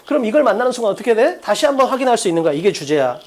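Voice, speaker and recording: Guy teaching english test prep, talks super quick, swings his pitch all over, keeps asking students questions. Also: sing-song, darkish tone. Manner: blunt, casual, swears, asks students rhetorical questions; repeats key phrases often. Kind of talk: lecture.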